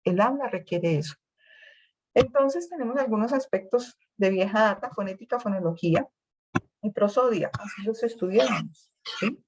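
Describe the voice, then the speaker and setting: A woman's voice: mid-range voice, normal speed, a little mellow, husky, rough recording. Female lecturer, a classroom explainer who repeats words as she thinks and asks "¿sí?". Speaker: speech therapy lecturer.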